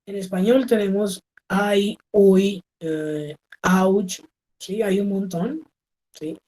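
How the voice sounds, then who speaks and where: A woman's voice: mid-range voice, fairly even intonation, slow, mellow, rough recording. A woman teaching English in an online class. She explains patiently, mixes Spanish with English examples, and checks in often with "¿sí?" and "¿ok?". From Colombia. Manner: switches between Spanish and English. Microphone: video call.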